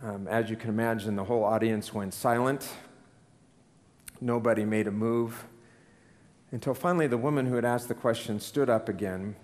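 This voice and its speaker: A man giving a sermon, telling a story in an earnest, unhurried way. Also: lowish voice, fairly even intonation, darkish tone, long reverb tail. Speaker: preacher.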